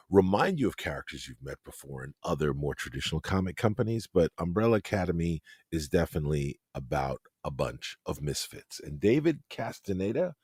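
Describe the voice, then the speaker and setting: A man co-hosting a podcast with a husky voice, making firm, pointed arguments. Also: a bass voice, darkish tone, dry recording, clean studio sound. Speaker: podcast co-host. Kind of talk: casual debate and show narration.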